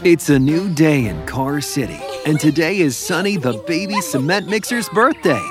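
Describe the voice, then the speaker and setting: A man narrating a children's cartoon story as a lively storyteller, dramatic and exclamatory. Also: on the high side, moderate pace, over music. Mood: cheerful. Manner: dramatic, exclamatory, rhetorical questions.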